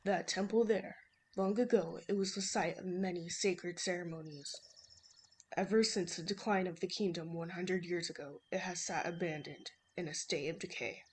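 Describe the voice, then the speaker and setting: A woman's voice: lowish voice, fairly even intonation, normal speed, slight background noise, pitched below the performer's own voice, natural voice. A woman doing a stiff, formal impression of a lonely old hermit man with a dry sense of humor, reading game dialogue aloud. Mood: solemn.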